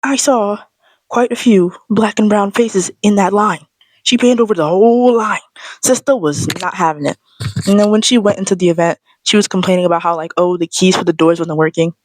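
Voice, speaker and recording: A woman vlogger ranting in a sassy, animated, slangy way, straight to camera. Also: medium pitch, fairly quick, dry recording. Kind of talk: casual ranting monologue.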